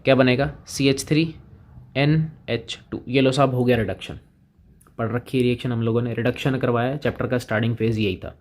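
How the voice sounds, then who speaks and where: A man's voice: mid-range voice, steady tone, brisk, darkish tone. A man teaching chemistry in a casual lecture, chatting with students and playing both sides of the conversation.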